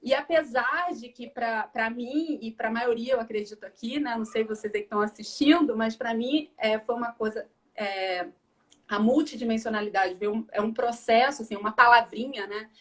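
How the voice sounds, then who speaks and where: A woman's voice: fairly high pitch, normal speed. A woman hosting a live video interview, talking in a chatty way with frequent tag questions. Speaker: host.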